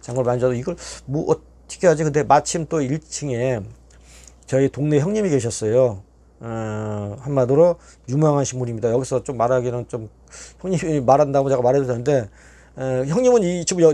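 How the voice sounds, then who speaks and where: Fast-talking middle-aged man telling stories. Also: medium pitch. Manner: animated, acts out quoted dialogue, swears. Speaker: YouTube storyteller. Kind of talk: casual storytelling.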